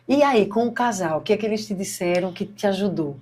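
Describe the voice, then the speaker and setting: A woman's voice: mid-range voice, a little fast, a little mellow. A Brazilian woman hosting a faith podcast, encouraging and speaking straight to her viewers. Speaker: podcast host. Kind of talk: podcast interview.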